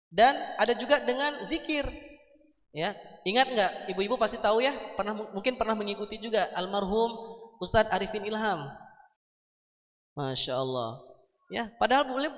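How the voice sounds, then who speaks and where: A man's voice: high voice, fairly bright tone. A young man preaching at a mosque study session on a handheld mic, chatty and joking, breaking into melodic chanting. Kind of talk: mosque study sermon with sung dhikr. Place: mosque hall. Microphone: handheld microphone. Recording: roomy echoing mosque hall.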